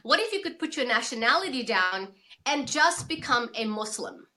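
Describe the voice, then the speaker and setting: Bright, high-voiced forthright woman guest. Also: big pitch swings, normal speed. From South Africa. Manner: forthright, emphatic. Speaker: guest author. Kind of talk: interview conversation.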